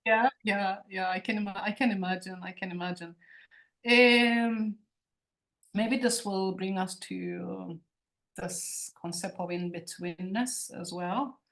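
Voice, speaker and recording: A Turkish Cypriot woman in her forties, a native Turkish speaker from Cyprus, gives a conversational online lecture as a guest lecturer over a video call. Her voice is medium-pitched, steady and fairly bright, and she speaks slowly. She comes across as earnest and emphatic, often repeating words while searching for them.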